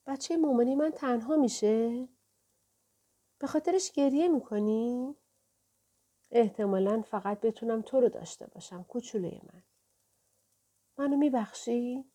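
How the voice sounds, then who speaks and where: A woman reading an audiobook voices a frightened young pregnant woman who speaks softly and tremulously. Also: mid-range voice, lively intonation. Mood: tearful. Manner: soft, trembling, tearful.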